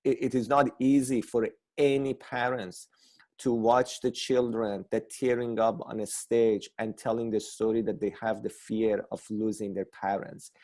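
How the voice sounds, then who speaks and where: A man directing a theater project, speaking earnestly with halting phrasing in an online workshop over a video call. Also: mid-range voice, level tone, darkish tone.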